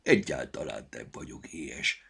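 A man's voice: a bass voice, sing-song, vocal fry, fairly bright tone, husky, voice pushed down, heavily acted. A man voicing a sick little male goblin with a cold, speaking with a blocked nose and grumbling. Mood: grumpy. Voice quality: stuffy blocked-nose speech. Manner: grumbling, tired. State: congested with a cold.

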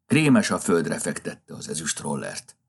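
A man narrating a children's story in an expressive, lilting manner. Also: rumbling low, vocal fry, husky.

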